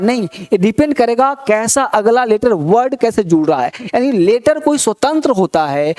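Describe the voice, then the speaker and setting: A man teaching English pronunciation, repeating each word slowly so learners can say it along. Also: sits high. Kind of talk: classroom lesson.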